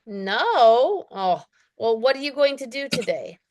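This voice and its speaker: A woman's voice: a little high, very animated, unhurried. A woman teaching an online English lesson, chatty and encouraging, with frequent laughs; she is dizzy today. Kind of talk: one-on-one online lesson chat.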